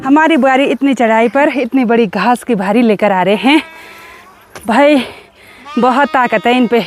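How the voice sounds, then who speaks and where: Soft background music plays as a young woman from Uttarakhand, India, cheerfully narrates a casual vlog outdoors around her hill village on a phone camera, teasing her neighbours along the way. Her voice is a little high and unhurried.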